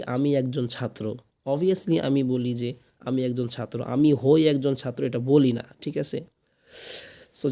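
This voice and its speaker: A man teaching a spoken English lesson, patiently repeating phrases slowly for learners. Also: medium pitch, vocal fry, dark tone.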